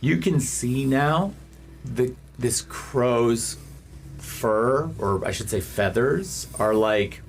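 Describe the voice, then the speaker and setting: A man with a medium-pitched voice improvises narration as game master of a tabletop game, speaking in descriptive, stop-start phrases with dramatic pauses. Faint music plays behind him.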